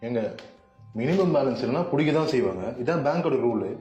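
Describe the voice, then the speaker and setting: Curt bank guy, fast, warm dark voice, echoey room with faint music. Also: mid-range voice, animated, highs cut off. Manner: dismissive, curt, repeats the rules. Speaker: bank official. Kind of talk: comedic sketch dialogue.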